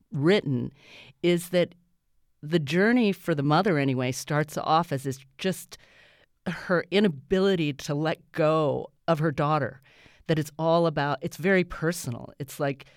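A woman speaks as an interview guest about her character, earnest and animated. Her voice is crisp and resonant at an ordinary pitch. The sound is close and dry, with no room around it. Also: dry recording. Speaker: stage actor, guest. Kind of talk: interview talk.

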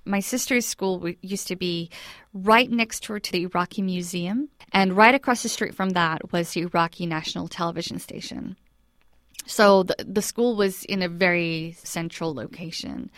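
A woman from Iraq in her thirties, speaking as an interview guest. Her voice sits a little low, and she recounts her memories earnestly, often restarting and adding "you know." The sound is close and dry, with no room echo. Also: normal speed, a bit bright. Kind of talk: personal storytelling in an interview.

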